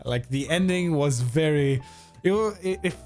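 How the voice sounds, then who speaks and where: A man's voice: a little high, moderate pace, darkish tone. A man in his twenties with a Croatian accent, chatting casually and with opinions as he answers viewers on a livestream. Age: 20s. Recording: music behind the voice. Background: music.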